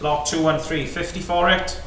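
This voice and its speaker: Bright-voiced male auctioneer in an echoey saleroom. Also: on the high side, fairly even intonation, moderate pace. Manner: clipped, repetitive number calling with short prompting questions. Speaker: fine art auctioneer. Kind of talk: live auction calling, rapid chanted bids and lot descriptions. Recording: echoey saleroom, distant mic, faint noise.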